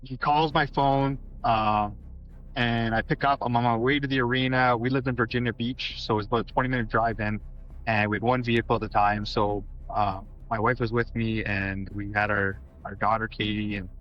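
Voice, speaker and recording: A man's voice: mid-range voice, little pitch movement, fairly quick. Chatty former hockey player, storytelling man. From Manitoba, Canada. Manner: rambling anecdotes with restarts and acted-out dialogue. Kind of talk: casual storytelling interview. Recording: slightly dull audio with faint music.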